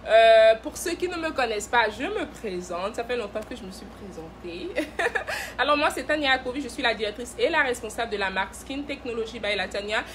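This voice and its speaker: A woman's voice: on the high side, expressive, brisk, a bit bright, slight background noise. A woman who directs a cosmetics brand, hosting a casual live stream, playful and teasing, laughing often and greeting viewers by name.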